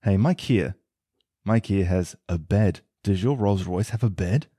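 Brief: a man playing a cheeky everyman, low and dark-toned, teasing. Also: a little slow, slightly rough, dry recording, clean studio sound. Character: cheeky boastful ordinary male driver.

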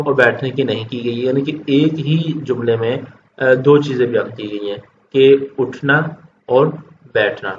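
A man teaching children a Quran lesson, patiently explaining step by step and repeating his points. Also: mid-range voice. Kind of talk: recorded religious lesson for children. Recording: dull lo-fi recording with faint noise.

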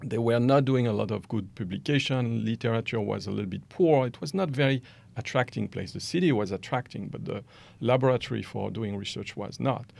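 In a small dark studio, a company founder in his forties from France sits in an armchair as a podcast guest, speaking with a French accent into a studio microphone on a boom stand. His medium-pitched voice is creaky and a little fast. He's animated, using both hands to gesture and filling pauses with hesitant fillers.

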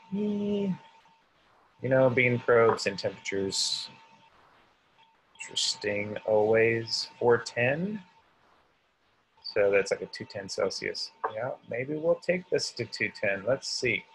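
A man with a fairly low voice talks through a coffee roast as he works, reading off weights and temperatures. He thinks aloud in a casual, hands-on way. A faint hum sits behind him. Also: fairly bright tone, low-quality recording. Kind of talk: casual live demonstration.

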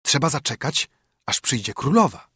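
A man's voice: mid-range voice, very animated, normal speed, bright, forceful tone, slightly rough, dry recording, clean studio sound, full character voice. A man narrating an audiobook voices a cautious, deferential male wolf who warns his companion carefully.

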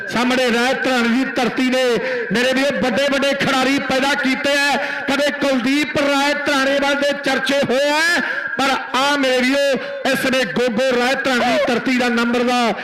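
Male Punjabi kabaddi commentator, extremely high-pitched, frantic declamatory calls, echoing public-address sound. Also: little pitch movement, moderate pace, crowd noise. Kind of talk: rural sports commentary.

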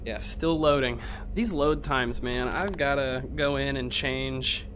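A man's voice: mid-range voice, steady tone, slow, noisy background. A young man streaming a VR game, chatting casually and swearing with his viewers over a headset mic. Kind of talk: casual live-stream chat.

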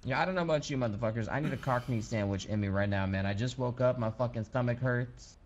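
A man's voice: mid-range voice, fast, highs cut off, a little hiss or hum. A man streaming a game role-play in character, brash and joking with plenty of swearing.

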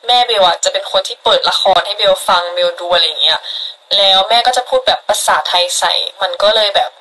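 A woman in her early twenties talks casually to her live-stream viewers, chatting through their questions. Her voice is bright and clear, her pitch in an everyday middle range. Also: fairly quick, poor audio. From Netherlands. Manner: chatty, reads out and thanks viewers for gifts.

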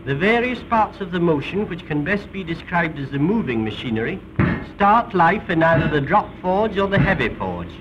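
The voice belongs to a British man pitched high, narrating with the formal, mildly theatrical air of a 1930s documentary presenter. His phrasing swings in a lively manner, and the old film soundtrack carrying it is dull and a bit noisy.

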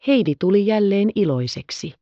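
A woman narrating a children's audiobook in a measured storytelling manner. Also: mid-range voice, animated, mellow, no echo, muffled recording.

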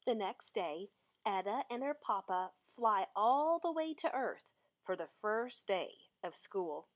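Reading a children's picture book aloud, this woman's mid-range voice carries an expressive, deliberate storytelling style.

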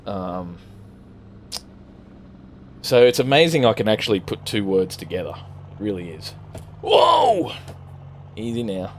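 A gaming streamer with an Australian accent chats casually with viewers while driving in a farming game, rambling and swearing freely. His voice sits on the low side with huge pitch swings, and he talks a little slowly with frequent pauses. There is slight background noise.

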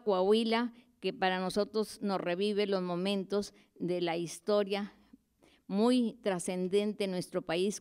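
An older woman, speaking as event host at a podium in an auditorium, giving a measured, formal introduction of the speaker. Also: lowish voice, darkish tone, smooth. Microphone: podium mic.

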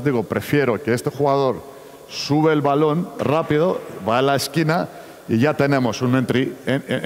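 A man running a basketball coaching clinic, talking in halting phrases with frequent restarts. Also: mid-range voice. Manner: broken, halting delivery with many restarts. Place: large indoor sports arena. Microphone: far camera. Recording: echoey sports hall, from far off.

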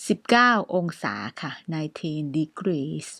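Slow, careful Thai woman teacher. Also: sits low, lively intonation, fairly bright tone, no room sound. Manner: reads English numbers slowly and carefully for repetition; polite with frequent particles. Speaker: English teacher. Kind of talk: slow step-by-step English vocabulary lesson in Thai.

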